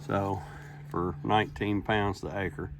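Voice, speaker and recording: Man explaining outdoors over loud background noise. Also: low-pitched, fairly even intonation, slow. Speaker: farmer. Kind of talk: casual practical explaining. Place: outdoors on a farm. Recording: very noisy outdoor recording, machinery and vehicle sounds.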